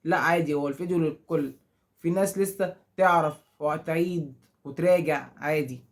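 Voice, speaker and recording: Grammar is the subject as a man with an Egyptian Arabic accent addresses school pupils in a slightly high, fairly quick voice. He keeps raising questions and answering them himself, and he dramatizes the pupils' objections.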